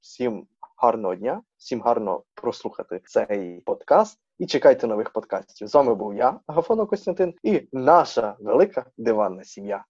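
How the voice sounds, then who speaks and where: Here a young man hosts a casual podcast in a playful, teasing way, now and then slipping in Russian words. His voice is dark and a little husky. It sounds dry and slightly dull, as if recorded close on a modest mic. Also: mid-range voice, very animated, moderate pace, dry recording. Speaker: podcast host.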